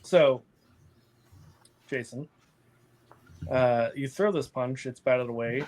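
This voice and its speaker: A man narrating an improvised tabletop game as game master, descriptive and deliberate. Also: mid-range voice, a little mellow.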